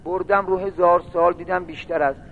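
A man's voice: sits high, steady tone, vocal fry. A man preaching a sermon, telling a long religious story and building into mournful chanting. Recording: tinny phone-like sound with faint noise.

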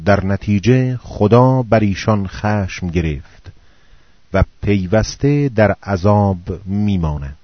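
Male reader, low voice, solemn measured scripture reading, dull dry recording. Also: animated, no room sound. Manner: slow, solemn recitation in short phrases.

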